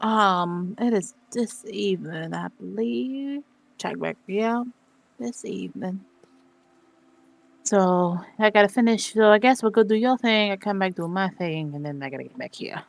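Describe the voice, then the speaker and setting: A woman playing a tabletop role-playing game who laughs often and reacts quickly. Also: medium pitch, gravelly, no echo. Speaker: player. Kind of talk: casual tabletop role-play.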